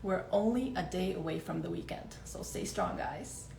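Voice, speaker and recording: In an echoey room with faint background noise, a podcast host fills the wait for her guest with casual small talk, friendly and upbeat, during a live online interview. She speaks at a moderate pace in a lowish voice that is creaky and dark.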